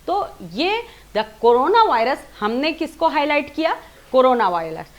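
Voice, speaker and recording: A woman's voice: high voice, sing-song, a little slow. A woman giving a spoken lesson on presenting, explaining step by step and demonstrating sample lines with stressed words. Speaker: presentation skills coach.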